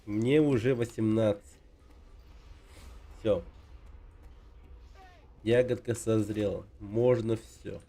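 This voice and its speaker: A man in his thirties from Russia chatting casually on his game stream, relaxed and rambling, with lots of filler words. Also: lowish voice, slow, pauses often. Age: 30s.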